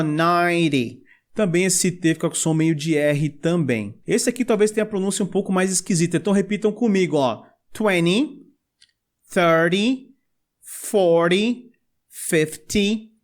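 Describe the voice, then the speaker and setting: A man with a Brazilian Portuguese accent teaching a video lesson, explaining step by step and asking viewers to repeat after him. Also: sits high. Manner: explains step by step, asks for repetition. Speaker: English teacher.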